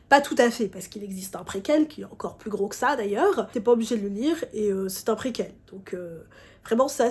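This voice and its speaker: A woman's voice: medium pitch, a little mellow, husky. A woman chatting casually about books, talking straight to the viewer with playful asides. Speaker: book reviewer. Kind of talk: casual book review chat.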